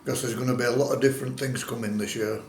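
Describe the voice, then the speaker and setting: A man records a casual food review in a roomy, echoing space with faint noise behind him. His pitch sits in the middle, and he talks in unhurried, plain-spoken phrases, as a small-time vlogger would. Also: fairly even intonation, darkish tone.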